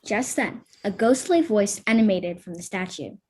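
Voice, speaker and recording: A woman's voice: medium pitch, animated, moderate pace, darkish tone, a little hiss or hum, natural voice. A woman playing a matter-of-fact fairy-tale storyteller, narrating a comic stage play.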